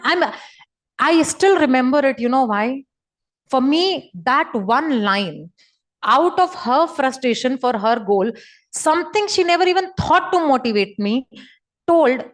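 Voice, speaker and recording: Emphatic Indian woman coaching her team. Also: sits high. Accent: Indian English. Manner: emphatic, repetitive, coaching tone, drops into Hindi phrases. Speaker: direct-selling team leader speaking to her network. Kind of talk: motivational talk on a video call. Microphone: video call.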